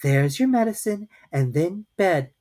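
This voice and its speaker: A motherly storybook kangaroo played by a woman, with a lilting, lively voice lifted a little above a low register. She is brisk and soothing, firm with a sly teasing streak. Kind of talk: children's storybook character voice.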